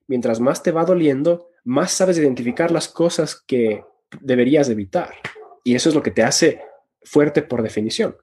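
A man's voice: medium pitch, normal speed, a little mellow, a little hiss or hum. A man speaking as a guest on a discussion panel, arguing emphatically through rhetorical questions. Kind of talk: discussion talk.

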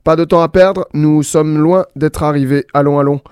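A man's voice: fairly high pitch, steady tone, normal speed, darkish tone, clean tone, no room sound, studio quality, pitched above the performer's own voice, natural voice. A man voicing an impatient, bossy exclamation mark in a read-aloud storybook, barking curt orders.

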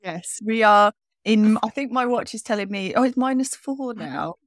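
A woman co-hosting a podcast in casual, self-mocking chat, with a croaky morning voice. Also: fairly high pitch, no echo, studio quality. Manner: chatty, self-mocking, quick restarts. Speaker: podcast co-host.

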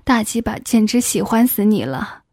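A woman reading the part of a domineering middle-aged male official in an adult audiobook, in a coaxing, breathy, slightly lowered voice. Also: lively intonation, moderate pace, dark tone, no room sound, studio quality. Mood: lewd coaxing.

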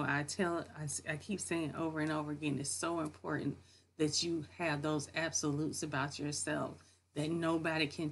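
A woman's voice: deep voice, a little hiss or hum. A woman vlogging from her home office, giving casual, earnest motivational talk about faith and often repeating her key phrases.

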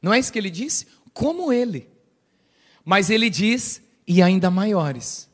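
A middle-aged Brazilian pastor delivers a lively sermon in a church, his voice sitting high for a man. He is animated and playful, slipping into quick impressions of other people as he preaches. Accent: Brazilian Portuguese. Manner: animated, playful, acts out quoted voices and laughs.

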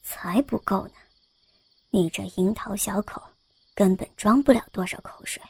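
A woman voicing a teasing young male scholar, speaking low in a breathy half-whisper. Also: normal speed, a little mellow, dry recording. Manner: sly and teasing. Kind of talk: storybook role-play.

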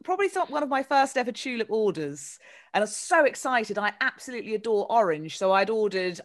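A woman hosting a casual chat, telling stories in a playful, expressive way. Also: mid-range voice. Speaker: host.

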